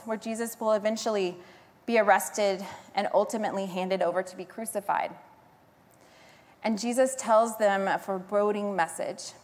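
Earnest woman preaching in a reverberant hall. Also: mid-range voice. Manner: earnest, storytelling, emphatic. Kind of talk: sermon.

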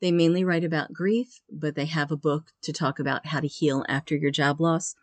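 A woman's voice: low-pitched, steady tone, normal speed, no echo. A woman hosting a podcast, talking in an earnest, encouraging way. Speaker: podcast host. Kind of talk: motivational podcast talk.

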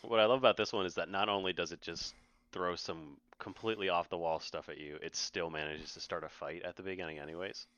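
A man's voice: deep voice, steady tone, fast talker, a bit bright, no echo, dull audio. A man co-hosting a casual board game podcast, upbeat, steering the talk along. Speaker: podcast co-host.

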